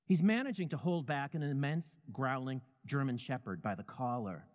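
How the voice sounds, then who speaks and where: A man telling a story in second person with a measured, vivid delivery. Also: mid-range voice, a little mellow, long reverb tail, muffled recording. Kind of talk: scripted second-person narration.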